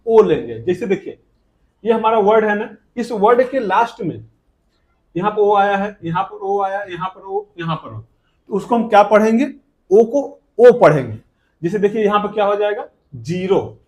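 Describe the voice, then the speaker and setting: A man's voice: high-pitched, expressive, normal speed, darkish tone. A male English teacher with a Hindi accent, giving a classroom lesson and constantly asking rhetorical questions that he answers himself.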